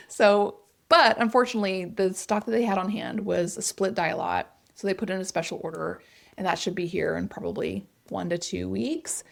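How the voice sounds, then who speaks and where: A woman's voice: mid-range voice, gravelly. A woman with an Oklahoma accent, chatting casually and enthusiastically as the host of a knitting vlog.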